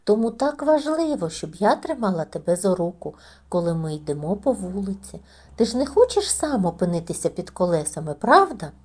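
A caring, firm mother from a children's storybook, read by a woman. She explains calmly, with lively pitch movement. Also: a little fast, husky. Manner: calm, explanatory.

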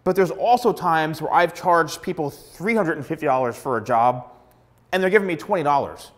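A man's voice: a little high, expressive, moderate pace. A middle-aged man, a hairstylist, giving blunt, emphatic advice straight to camera on a lapel mic. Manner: emphatic, blunt, repeats words for stress. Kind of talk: direct-to-camera advice vlog. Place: plain studio backdrop indoors.

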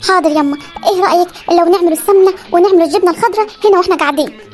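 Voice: very high voice, rapid-fire, faint music behind. An actor voicing a cheeky, lazy young village daughter in a comedy cartoon, whining and talking back, with an Upper Egyptian accent. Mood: stalling. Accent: Upper Egyptian Arabic. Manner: whiny, talks back, stalls.

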